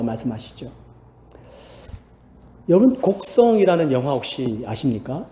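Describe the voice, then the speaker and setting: A man preaches in a church sanctuary, his voice mellow and slightly raised in pitch. His delivery is earnest and climbs into emphatic urging. The sound carries a long, echoing reverb from the hall. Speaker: pastor. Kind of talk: sermon.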